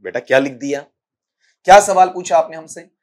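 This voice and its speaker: Male English tutor, Rajasthani Hindi accent, slightly higher voice, stern, drills pronunciation. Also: darkish tone. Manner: scolding, repeatedly asks "ठीक है?" and calls students "बेटा"; spells out sounds slowly and repeats words for drilling. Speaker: English teacher. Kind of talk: exam-prep lesson answering student questions.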